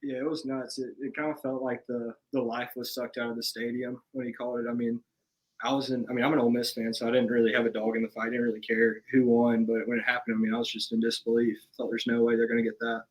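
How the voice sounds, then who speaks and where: Young guy from alabama chatting as a podcast guest, pretty monotone, low-key. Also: fast, low-quality recording. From Alabama, USA. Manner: laid-back, flat, matter-of-fact. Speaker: podcast guest, business owner. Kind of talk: casual interview chat.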